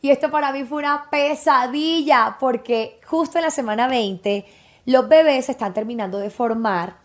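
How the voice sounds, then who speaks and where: A woman's voice: sits high, normal speed. A woman in her thirties hosting a podcast, telling a personal story in a candid, emotional way. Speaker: podcast host.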